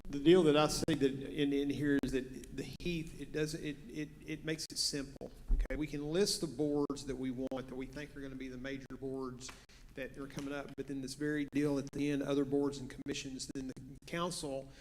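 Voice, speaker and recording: A man's voice: medium pitch, level tone, moderate pace, a little mellow, a little hiss or hum. A man on a charter commission, explaining his view and thinking aloud in a public meeting discussion. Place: large council chamber. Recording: echoey meeting room.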